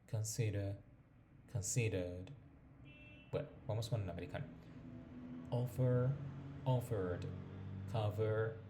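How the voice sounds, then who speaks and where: A man explains pronunciation like a patient teacher, sounding each example out carefully. His voice sits on the low side with a dark, mellow tone. Faint hiss sits under the recording. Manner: repeats example words slowly and clearly. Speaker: English teacher. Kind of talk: explanatory lesson.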